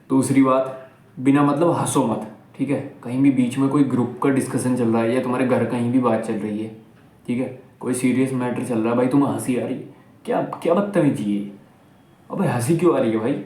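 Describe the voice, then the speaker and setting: Young man, blunt scolding advice, roomy echoey room, mid pitch, talking to camera. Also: steady tone, a little fast, darkish tone. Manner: blunt, scolding, repeats "theek hai?" constantly. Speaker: self-improvement video host. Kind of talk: casual advice talk to camera. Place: indoors, seated while filming.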